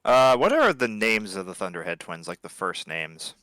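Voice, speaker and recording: A man's voice: fairly low pitch, very animated, moderate pace, pushed and bright, dry recording. A man playing in a tabletop game, easygoing, asking questions and tripping over his words. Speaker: player. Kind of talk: casual chat at a tabletop game.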